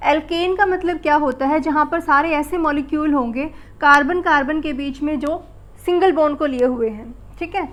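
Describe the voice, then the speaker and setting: A woman teaching a school chemistry class. She asks the pupils questions, answers them herself and repeats the key words. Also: sits high. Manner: calls the pupils beta and bachche. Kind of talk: classroom lesson.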